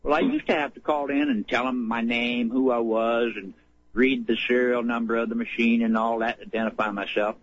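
A man's voice: medium pitch, fairly even intonation, a little fast. A man from Louisiana calling in to a radio show over the phone, chatting in a folksy, wry, sarcastic way. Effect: heard over the phone. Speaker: radio call-in caller. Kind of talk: casual call-in chat. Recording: muffled phone line with faint noise.

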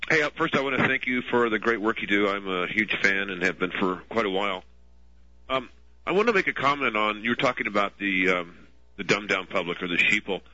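A man's voice: on the low side, expressive, brisk, bright, forceful tone, dry recording. A man from Texas calling in to a radio show over the phone, earnest and eager. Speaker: caller. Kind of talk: call-in radio chat. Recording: dry muffled phone line.

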